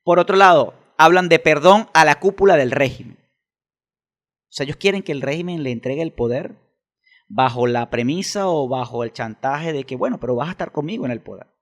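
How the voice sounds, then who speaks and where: A man's voice: a little high, normal speed. A Venezuelan man with a Venezuelan accent, a guest in an interview who argues emphatically and fires off rhetorical questions. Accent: Venezuelan Spanish. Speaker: interview guest, political activist. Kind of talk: casual interview talk.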